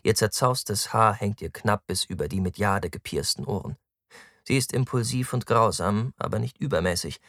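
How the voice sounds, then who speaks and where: A man narrating an audiobook in the first person with an expressive, varied delivery. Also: low voice, vocal fry, dry recording, clean studio sound.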